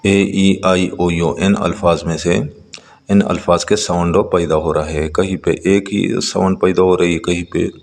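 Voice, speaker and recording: Deep, gravelly male teacher. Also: little pitch movement, a little mellow, long reverb tail. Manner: reads English lines slowly then explains them; frequent hesitation fillers. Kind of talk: textbook lesson explanation.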